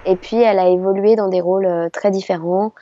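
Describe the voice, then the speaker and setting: A middle-aged voice actress telling stories in an interview, chatty and hesitant with many fillers. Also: female voice, mid-range voice, fairly even intonation, fairly quick, dark tone, soft background music. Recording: slightly dull lo-fi sound.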